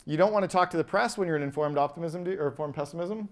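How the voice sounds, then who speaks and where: Animated man quizzing a live audience. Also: on the high side. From Canada. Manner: animated, asks the audience quick questions, acts out quoted voices. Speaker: keynote speaker. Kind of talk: energetic live business talk with audience questions. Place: event stage before a live audience.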